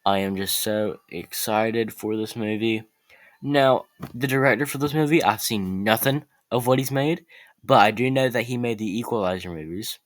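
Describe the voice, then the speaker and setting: A man vlogging about upcoming movies in a casual, excitable way, rambling and correcting himself as he goes. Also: on the low side, moderate pace.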